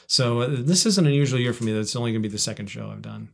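A man's voice: medium pitch, rapid-fire, gravelly. A middle-aged man talking about his stage acting as a guest on a radio show, chatty and laughing often. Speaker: radio guest, community theater actor. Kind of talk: casual radio chat. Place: radio studio.

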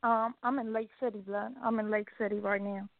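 Young woman caller, gravelly, laughs along, tinny phone and crowd noise. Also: mid-range voice, steady tone. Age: 20s. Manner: upbeat, laughs, quick agreeing. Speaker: guest caller. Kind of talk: casual radio chat. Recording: phone-line call with noisy crowd.

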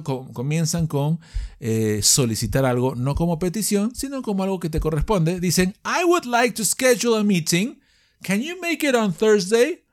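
A man's voice: fairly high pitch, a little mellow. A man from Peru with a Peruvian Spanish accent, teaching English phrases in a podcast lesson and often checking in with his listeners.

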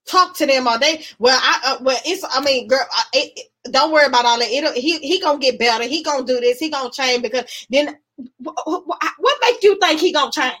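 A woman gives an emotional personal testimony. She tells it in an animated way, acting out what each person said along the way. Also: sits high. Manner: animated storytelling, acting out both sides of conversations. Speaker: guest sharing testimony.

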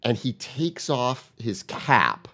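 A man's voice: medium pitch, big pitch swings, slow pace, a bit bright. A man chatting casually about sports, blunt and opinionated, swearing now and then.

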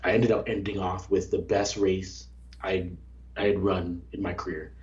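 A young man with a fairly low voice reflects earnestly on his running career in an easygoing interview. He tells his story with frequent restarts. The recording sounds dull and lo-fi. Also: flat delivery, normal speed, a little mellow. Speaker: former Olympic track athlete, guest. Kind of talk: casual interview conversation.

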